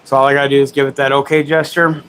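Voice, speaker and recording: A man's voice: mid-range voice, flat delivery, rapid-fire, fairly bright tone, a little hiss or hum, rough recording. A man hosting a casual livestream, demoing camera gimbals and chatting with viewers in a rambling, self-correcting way. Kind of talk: casual live product demo.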